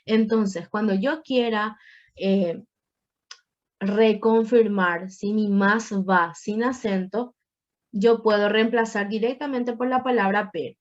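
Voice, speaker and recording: A woman's voice: medium pitch, steady tone, slow pace, lo-fi sound. A woman teaching a Spanish grammar class online, explaining patiently with playful asides to her students.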